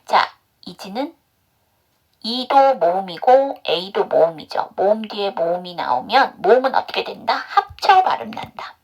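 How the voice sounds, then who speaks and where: A woman with a mid-range voice teaches English pronunciation in an online phonics class, very animated yet unhurried. She drills step by step, posing questions and then answering them herself.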